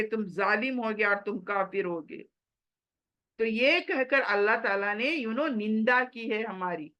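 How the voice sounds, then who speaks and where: A woman's voice: fairly high pitch, sharp tone. A woman giving a religious lesson in an earnest, exhorting manner, slipping English phrases into her talk. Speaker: Quran teacher.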